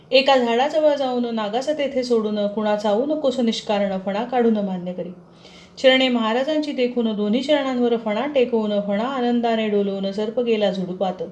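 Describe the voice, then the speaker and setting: Woman, devotional verse recitation, steady chanting lines, fairly high voice, mellow tone. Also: roomy sound.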